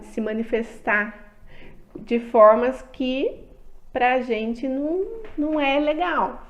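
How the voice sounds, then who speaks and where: A woman with a Brazilian accent giving calm advice to parents, often checking in with "tá?". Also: fairly high pitch. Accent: Brazilian Portuguese. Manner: gentle advice with frequent "tá?" check-ins. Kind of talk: talking to parents.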